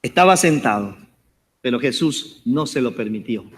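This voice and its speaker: A man's voice: mid-range voice, animated, moderate pace. A man preaching a sermon to his congregation as apostle, fervent, joking at times and calling on listeners to repeat his phrases. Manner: jokes and rises to shouts at times.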